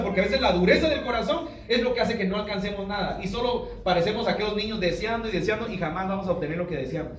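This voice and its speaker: A man's voice: high voice, slight background noise. A male pastor preaching a sermon and praying, emphatic and full of rhetorical questions. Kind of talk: sermon and prayer. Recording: echoey room, from far off.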